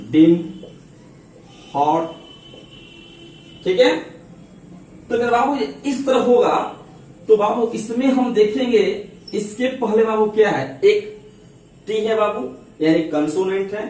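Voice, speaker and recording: A man's voice: high-pitched, darkish tone, slight background noise. A man with a Hindi accent teaching English grammar in a classroom style, asking questions and answering them himself, calling listeners babu and chhotu. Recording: very echoey room, mic at a distance.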